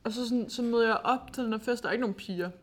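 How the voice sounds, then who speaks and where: En ung kvinde, der fortæller livligt i en afslappet podcastsnak og ofte griner. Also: female voice, fairly high pitch. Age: young adult. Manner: lively storyteller, laughs often. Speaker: podcast co-host. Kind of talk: casual chat.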